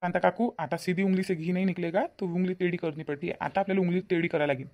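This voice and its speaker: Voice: medium pitch, fairly even intonation, rapid-fire, highs cut off, natural voice. A voice actor playing a meddling young village man in a cartoon, placating and persuading. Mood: persuasive. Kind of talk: cartoon voice acting.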